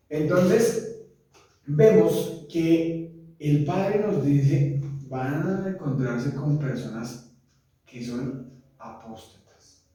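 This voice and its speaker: A man preaching and teaching a Bible lesson, slow and emphatic, listing words one by one. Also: a little high, mellow. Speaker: pastor. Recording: echoey room from far off.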